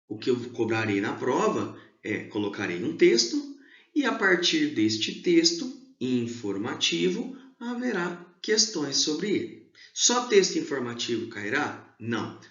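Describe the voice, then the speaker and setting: Lively man teaching children slowly. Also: mid-range voice. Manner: slow, emphatic explaining, stressing syllables. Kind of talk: exam review lesson for children. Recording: echoey room, dull lo-fi sound.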